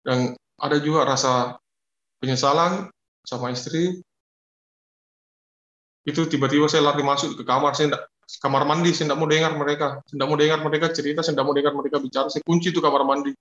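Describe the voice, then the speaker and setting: A man tells his personal testimony in an earnest, confessional way, circling back over the same words. His voice sits a little high for a man. The audio is roomy and dull, with a lo-fi sound. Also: fairly even intonation, brisk, long pauses, a bit bright. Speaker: testimony speaker.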